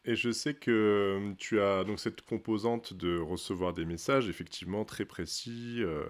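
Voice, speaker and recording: A man's voice: low-pitched, moderate pace. A man interviewing a guest, hesitant and choosing his words carefully, with many fillers.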